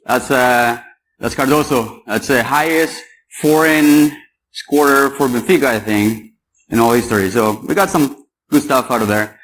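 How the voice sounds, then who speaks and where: A man's voice: mid-range voice, measured pace, a bit bright, low-quality recording. A young man from Paraguay giving a chatty, joking talk at a security conference and quizzing the audience. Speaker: conference speaker. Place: conference hall.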